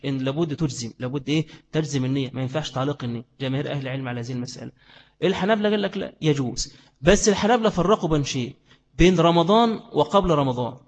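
Speaking with a fairly high pitch, this Egyptian-accented man delivers a religious lesson as an Islamic teacher. He asks his audience questions and answers them on his own, and the recording has a big-room sound.

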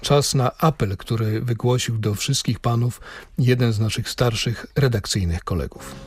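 A man's voice: mid-range voice, normal speed, a little mellow, slightly rough. A man hosting a radio program, conversational and lightly joking. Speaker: radio host. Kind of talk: radio presenting.

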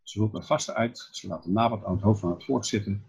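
A man's voice: fairly low pitch, quick pace, darkish tone, slightly rough. A man preaching a Bible exposition who keeps asking questions and answering them himself. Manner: explanatory, asks and answers his own questions.

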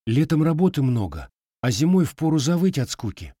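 A man's voice: fairly high pitch, big pitch swings, mellow, no room sound, clean studio sound, pitched above the performer's own voice. A man voicing a spirited young village girl. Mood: plain. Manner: sighing, quick to defend.

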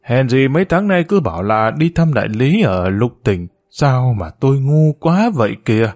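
A jealous, heartbroken mother speaks with bitter resentment, her voice close to tears, as a man reading the story puts her on. Her pitch sits in the ordinary middle range for a storybook reading. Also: big pitch swings, moderate pace, darkish tone, natural voice. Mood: bitter, tearful. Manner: tearful, resentful scolding.

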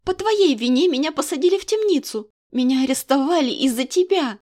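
A woman's voice: a little high, moderate pace, a little mellow, voice pushed up, lightly acted. A woman doing a defiant, hot-tempered heroine. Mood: furious. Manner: heated, raised, indignant.

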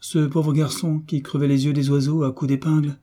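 A man's voice: on the high side, flat delivery, normal speed, dark tone, voice pushed up, lightly acted. A man voicing a young duke, earnest and somewhat hesitant.

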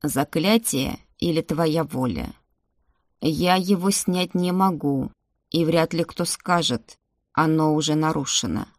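A woman reading an audiobook, voicing an old shaggy-haired male shaman who speaks in slow, measured, cryptic pronouncements. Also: sits low, no room sound, studio quality. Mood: grave, cryptic. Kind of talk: audiobook character voice.

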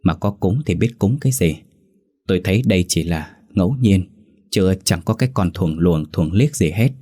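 A man's voice: sits low, expressive, normal speed, dark tone. A man voicing a blunt skeptical villager. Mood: dismissive. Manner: formal and dismissive.

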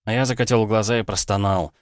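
Male audiobook narrator, low voice, smooth tone, dry close booth, steady first-person telling. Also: fast talker, dry recording.

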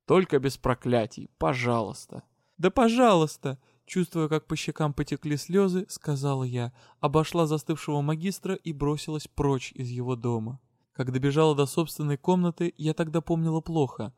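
A man's voice: fairly high pitch, fairly quick, a little mellow, smooth, dry recording. Dry-voiced man reading an audiobook. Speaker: audiobook narrator. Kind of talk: first-person audiobook narration.

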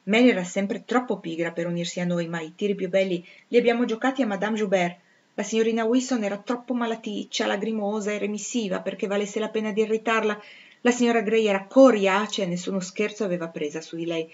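A woman's voice: medium pitch, fairly even intonation, fast talker, darkish tone, highs cut off, close to an everyday voice. A woman reading aloud, voicing a haughty young noblewoman who speaks with scorn and chatters with disdain. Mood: mocking.

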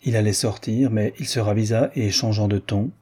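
Low, husky male audiobook narrator. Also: steady tone, moderate pace, mellow. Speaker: audiobook reader.

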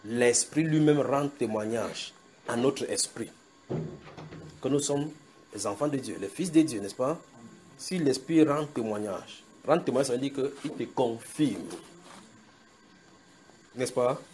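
A man preaching a sermon at a house church, slowly repeating scripture and checking in with the congregation. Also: mid-range voice, darkish tone, a little hiss or hum. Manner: emphatic, repeats scripture slowly with call-and-response tags to the congregation. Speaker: pastor.

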